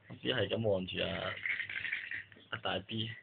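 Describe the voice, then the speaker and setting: A man's voice: fairly low pitch, fairly even intonation, moderate pace, gravelly, narrow, tinny audio, background noise. A man, filming at home and playfully coaxing a small child. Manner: coaxing, playful talk to a toddler. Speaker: family member filming at home. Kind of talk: casual home video chat. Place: family home indoors.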